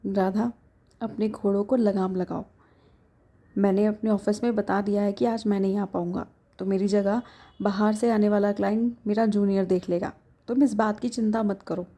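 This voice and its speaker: A woman's voice: medium pitch, steady tone, normal speed, dark tone, natural voice. A woman storyteller voicing a young husband who scolds his wife out of worry. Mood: reassuring. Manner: scolding, emotional.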